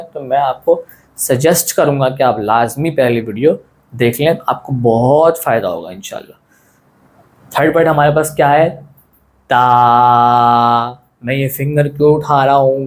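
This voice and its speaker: A man teaching an online lesson in a relaxed, friendly way, asking questions and answering them himself and often repeating his points. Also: a little high. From South Asia. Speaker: Quran teacher.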